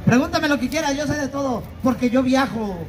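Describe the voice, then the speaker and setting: A man's voice: very high voice, fairly quick. A man with a Guerrero Mexican accent doing boastful, slangy comic banter as a street clown, through a speaker outdoors. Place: outdoor public plaza at night. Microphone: handheld mic through PA, filmed from audience. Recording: amplified outdoor speaker amid crowd. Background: crowd.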